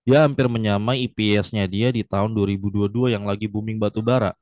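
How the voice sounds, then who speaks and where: A man's voice: on the low side, steady tone, fairly quick, a little mellow, no room sound. A young man giving casual stock market commentary, blunt and chummy, lecturing the viewer like a friend.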